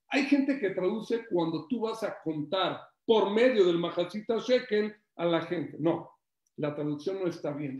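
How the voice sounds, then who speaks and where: Male Torah teacher, high and lively, repeats himself; roomy echo. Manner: animated, repeats phrases, acts out stories. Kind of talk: religious class.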